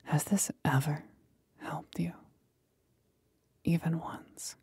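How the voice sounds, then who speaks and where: Voicing a sly, condescending demon companion for an ASMR roleplay, a woman breathes her lines in a husky whisper, slow and teasingly deliberate. She sits on the low side with a warm tone in a full character voice, free of echo, sounding teasing and patronising.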